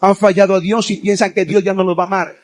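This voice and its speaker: High-voiced man preaching with fervor. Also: little pitch movement, quick pace. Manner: impassioned, builds to forceful near-shouting exhortation; addresses listeners directly as young people. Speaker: evangelist preacher. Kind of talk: sermon.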